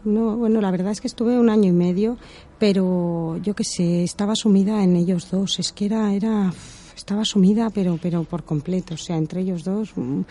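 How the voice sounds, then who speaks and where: Lively novelist woman, dark voice. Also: mid-range voice, moderate pace. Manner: animated, retells scenes, repeats words, tag questions. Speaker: novelist talking about her book. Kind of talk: casual interview.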